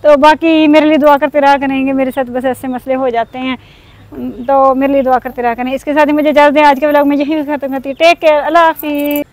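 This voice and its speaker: A woman in her thirties from Pakistan speaks straight to her viewers in a high voice. She sounds aggrieved and earnest, like a mother venting to her audience. She is recorded outdoors in a village setting, with animal sounds behind her. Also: flat delivery, fast talker, a little mellow, dry recording. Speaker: vlogger. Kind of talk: casual vlog talk.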